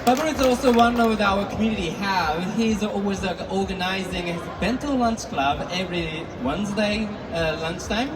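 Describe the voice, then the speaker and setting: A man's voice: high-pitched, normal speed, hardly any pauses, a crowd in the background. A man moderating a live conference panel, cheering on and introducing each guest in an upbeat way. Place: conference stage. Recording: distant mic in a noisy event hall.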